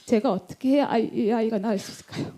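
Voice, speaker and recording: Mom in her 30s/40s reading her question out, soft mellow voice, quiet and earnest. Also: fairly high pitch, fast. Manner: subdued, earnest. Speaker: mother asking a question.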